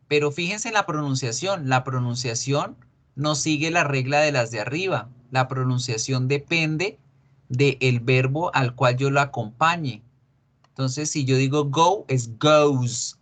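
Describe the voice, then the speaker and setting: A man teaching an English grammar lesson, explaining slowly and repeating each example. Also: medium pitch, fairly bright tone. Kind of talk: recorded online grammar lesson.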